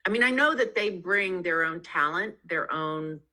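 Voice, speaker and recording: A woman's voice: fairly low pitch, expressive, normal speed, pushed and bright, low-quality recording. A woman author being interviewed over a video call, talking in a chatty way with many ums and restarts. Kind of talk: casual interview chat. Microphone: video call mic.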